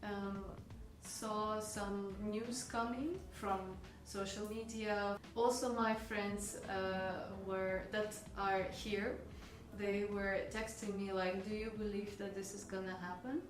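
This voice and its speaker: A woman speaking haltingly in a documentary interview, searching for her words. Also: mid-range voice, little pitch movement. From Russia. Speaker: dancer, interviewee. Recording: echoey room with music underneath.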